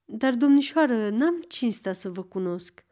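A curious, scheming middle-aged notary, voiced by a woman reader, asking formal and polite questions. The voice stays somewhat high. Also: lively intonation, mellow, close to an everyday voice. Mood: polite, probing.

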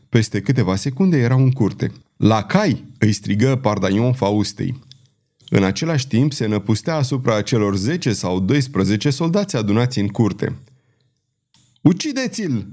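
A man reading a historical adventure novel aloud as an audiobook narrator, animated and dramatic, lifting his voice for shouted lines. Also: fairly low pitch.

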